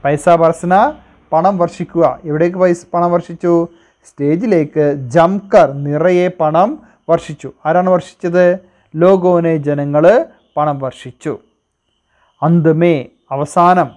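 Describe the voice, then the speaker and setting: A man's voice: fairly high pitch, a little mellow. A man with a Malayali accent teaching a Hindi lesson in Malayalam. He reads each phrase, translates it and asks questions about it.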